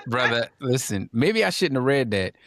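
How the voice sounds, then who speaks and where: A man's voice: medium pitch, very animated, normal speed, a bit bright, dry recording. A man co-hosting a casual podcast panel, talking emphatically, repeating lines for punch and reading viewer comments aloud. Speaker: podcast co-host.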